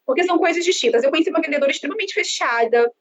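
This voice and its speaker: A high-pitched woman in her thirties with a Brazilian Portuguese accent talks in an expansive, outgoing way, giving sales advice as a guest on a live stream. Her voice comes through a video-call mic, sounding dull and lo-fi with a faint hiss behind it. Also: racing. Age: 30s. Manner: expansive, lively, self-described outgoing talker. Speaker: sales and marketing consultant. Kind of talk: conversational interview on a live stream.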